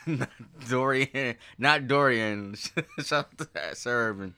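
A man's voice: medium pitch, animated, takes it slowly, pushed and bright, smooth. A man hosting a podcast in loose, rambling casual chat, laughing often. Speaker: podcast host.

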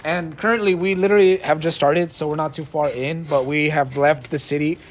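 A man's voice: on the high side, steady tone, brisk, crowd noise. A man running a tabletop game as dungeon master, explaining casually and laughing often.

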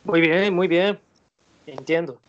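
A man's voice: fairly high pitch, slow pace, a bit bright. Man, brief replies over a lo-fi call. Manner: brief replies, laughs easily. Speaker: Japanese native guest. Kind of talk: casual online class.

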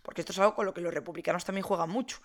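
A young woman talks through a topic in a loose, conversational monologue. Her voice sits a little low for a woman. She fills pauses and often corrects herself as she goes. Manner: chatty, many fillers and self-corrections. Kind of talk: casual explainer monologue.

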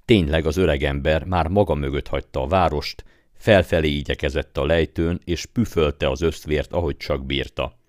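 A man narrating an audiobook in a calm, measured storytelling manner. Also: a bass voice, dry recording, studio quality. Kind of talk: scripted narration.

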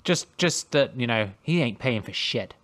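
A man's voice: mid-range voice, expressive, moderate pace, a bit bright. Agreeable male podcast co-host. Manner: agreeable, lots of yeahs, asks questions. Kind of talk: casual book discussion chat.

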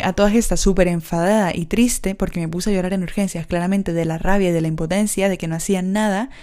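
A woman's voice: mid-range voice, dark tone. Frank, exasperated young woman. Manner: frank and exasperated, swears freely, many fillers. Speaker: podcaster telling a personal story. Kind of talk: casual personal storytelling.

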